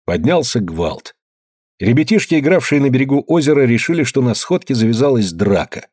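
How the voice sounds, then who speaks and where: A man's voice: mid-range voice, sing-song, fairly quick, a little mellow, no room sound, clean studio sound. A man reading a novel aloud as audiobook narrator. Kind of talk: scripted narration.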